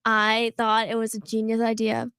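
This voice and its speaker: A high-pitched teenage girl chats through a rambling story, peppering every phrase with "like" and breaking into laughter. Her voice sits close on a podcast mic in a dead, dry room with no echo. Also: completely flat delivery, moderate pace, fairly bright tone, smooth. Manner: chatty, full of "like" fillers, laughs often. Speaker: podcast co-host. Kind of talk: casual storytelling chat.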